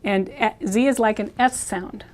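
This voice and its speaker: A woman teaching a Spanish lesson, modeling words slowly and repeating each one. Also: medium pitch. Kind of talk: video language lesson.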